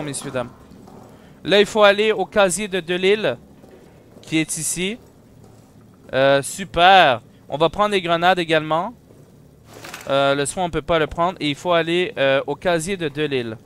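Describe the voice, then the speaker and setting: Give me a high-voiced young man with a Quebec French accent, yelling and joking through a horror let's play. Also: clear, resonant tone. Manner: excitable, shouts and jokes at the monster. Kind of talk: horror game commentary.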